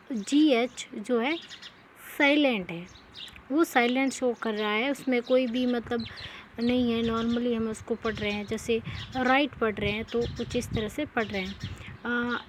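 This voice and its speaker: Woman teacher going over pronunciation rules real slow, asks questions and repeats stuff, faint hiss behind. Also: on the high side. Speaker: English teacher.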